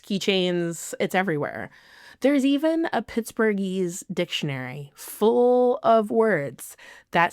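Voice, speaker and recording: Woman, podcast host, scripted monologue, lower voice, dry close sound, giggly, self-deprecating. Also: smooth, no echo. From not from the city she lives in now.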